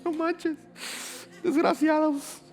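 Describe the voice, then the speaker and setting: A man mimicking a frantic person begging God in prayer, pleading and rushed. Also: flat delivery, creaky, in a large hall, soft background music. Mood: whiny pleading. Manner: pleading, high-pitched, rushed.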